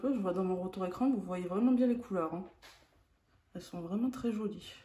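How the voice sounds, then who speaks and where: A woman explaining a makeup look step by step, in a calm tutorial manner. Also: medium pitch, fairly quick, reverberant, dull audio, loud music behind the voice. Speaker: beauty vlogger.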